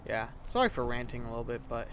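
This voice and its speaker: With a sing-song lilt and a quick pace, a twenty-year-old man speaks in a mid-range, fairly bright voice over a little hiss or hum. As a YouTuber, he chats casually and rambles, correcting himself along the way, and says his voice sounds childish.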